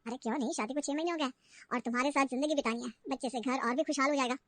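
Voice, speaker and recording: An easygoing young husband voiced by a woman chats casually and shrugs things off in a cartoon. The voice stays high and races along, with a dry close sound. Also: racing, fairly bright tone, no room sound. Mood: eager. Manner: casual, brushing questions off. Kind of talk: cartoon voice acting.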